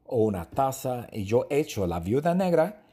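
A man giving a slow lesson, answering his own numbered questions and repeating phrases plainly. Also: medium pitch, big pitch swings, dark tone, husky. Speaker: language teacher. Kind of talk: slow Spanish lesson monologue.

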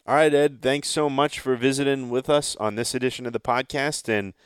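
A man's voice: medium pitch, fairly even intonation, brisk, smooth, dry recording, clean studio sound. A man hosting a fishing podcast, interviewing guests in a conversational way. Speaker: podcast host.

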